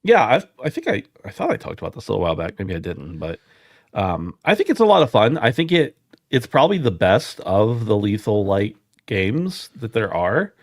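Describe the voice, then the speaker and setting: A man's voice: on the low side, big pitch swings, moderate pace, dry recording, clean studio sound. A man hosting a casual gaming podcast, easygoing and chatty. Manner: easygoing, chatty, frequent restarts. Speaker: podcast host.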